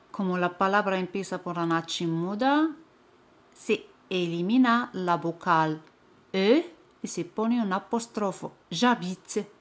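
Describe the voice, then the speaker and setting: A woman teaching French vocabulary in a slow lesson, repeating each word clearly. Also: mid-range voice.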